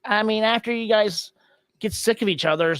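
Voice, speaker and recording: Man, casual chat, blunt crude banter, raised pitch, dry close mic. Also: moderate pace, a bit bright, smooth, dry recording. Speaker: podcast co-host.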